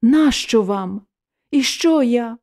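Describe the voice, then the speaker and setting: A woman voicing a timid, shy young girl in a storybook reading, speaking softly and pleadingly. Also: on the high side, animated, takes it slowly, pitched above the performer's own voice.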